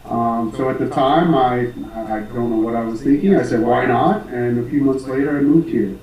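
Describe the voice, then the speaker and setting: An American man who teaches English, answering interview questions casually with many pauses, fillers and restarts. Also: mid-range voice, darkish tone, roomy sound, far from the mic, poor audio. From United States.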